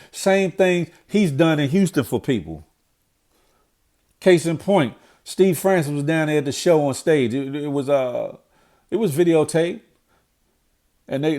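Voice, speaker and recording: In a somewhat high, darkish voice, this middle-aged man talks through a stuffy nose, as if he has a cold. He's a vlogger giving a preachy, blunt take on current events, repeating himself whenever he gets fired up.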